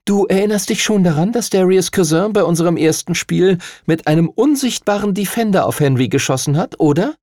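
A man voicing a sharp-witted girl dragon rider in a storybook reading, challenging pointedly. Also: high voice, lively intonation, fairly quick, hardly any pauses, no room sound, studio quality, pitched above the performer's own voice.

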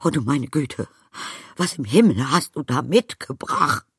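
A man doing a shrill, scandalized little mother. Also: lively intonation, a little slow, gravelly, a bit bright, breathy edge, no echo, studio quality, full character voice. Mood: shocked. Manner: shrill, indignant exclamations. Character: fussy, easily shocked adult woman, a tiny mother.

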